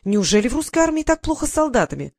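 A man's voice: very high-pitched, sing-song, racing, dry recording, clean studio sound, voice pushed up, full character voice. A man doing a haughty estate manager.

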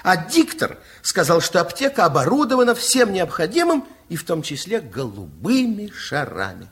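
In a full character voice, high-pitched and husky at a moderate pace, a man narrates a Soviet children's radio play. He plays the expressive fairy-tale narrator, theatrical, playful, and confiding as he tells the story.

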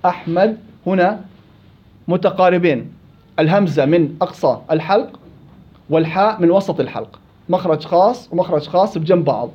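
A man teaching a classroom tajweed lesson, quizzing his students with quick questions. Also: sits high, breathy edge. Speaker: Quran recitation teacher. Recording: dull lo-fi classroom recording.

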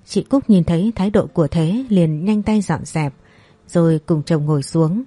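Low, mellow woman narrating a story. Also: normal speed, slightly rough, no room sound.

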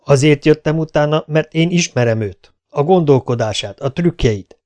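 An earnest, determined male lieutenant presses his case insistently, as a man reading a novel puts him on. His voice stays close to the reader's own, steady and serious, in an audiobook scene. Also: on the high side, voice pushed up, close to an everyday voice.

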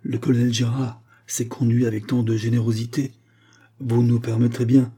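Storybook heroine: a man doing a coaxing young lady, soft husky tone, gently insistent. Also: mid-range voice, natural voice. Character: young woman pleading, then coaxing.

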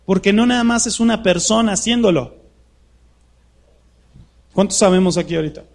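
Male preacher, light high voice, chatty sermon style, keeps asking the room questions. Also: moderate pace, creaky, a little mellow. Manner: conversational preaching full of rhetorical questions to the congregation. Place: church hall with a live congregation.

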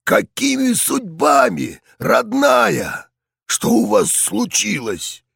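A man voicing a gruff old veteran general in an audiobook, hoarse and blustering. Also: high voice, wildly swooping pitch, slow, dry recording, studio quality, voice pushed up, full character voice. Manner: blustering, shouting. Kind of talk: audiobook character voice.

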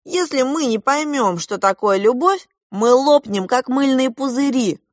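A woman's voice: high-pitched, lively intonation, measured pace, dry recording, studio quality, voice pushed up. A woman voicing a haughty young prince boy. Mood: earnest. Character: boastful young underwater prince, boy, proud and argumentative.

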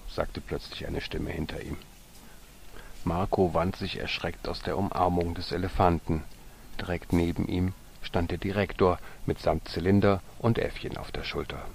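A man reading a storybook aloud with gentle narration that sometimes drops to a soft whisper. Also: low voice, gravelly, slight background noise.

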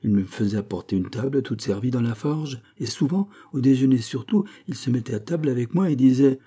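A man's voice: mid-range voice, lively intonation, fairly quick, dark tone, husky, pitched above the performer's own voice. A man voicing a jovial, boastful locksmith near fifty in a read-aloud novel. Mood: insistent. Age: middle-aged. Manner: chatty, boastful, laughing.

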